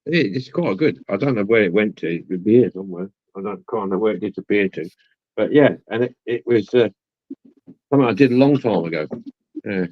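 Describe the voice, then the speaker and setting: A man's voice: on the low side, expressive, brisk, dry recording, dull audio. A man chatting casually, rambling and repeating himself as he goes. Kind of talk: casual chat.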